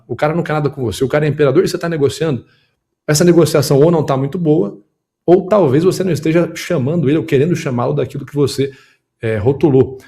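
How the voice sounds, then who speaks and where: A man hosts a commentary show and talks fast with a mellow, dark tone. He breaks down video clips point by point, speaking emphatically to viewers and to his production team. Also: mid-range voice, creaky. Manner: quick, emphatic, analytical, talks to the audience and production. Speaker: political commentator and show host.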